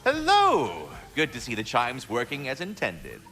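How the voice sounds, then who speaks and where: An actor voicing a courteous, eccentric creature in a video game, speaking in a formal, wordy way. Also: male voice, medium pitch, huge pitch swings, a little slow, sharp tone, in a large hall, faint music behind, heavily acted. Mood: prim. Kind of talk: video game character acting.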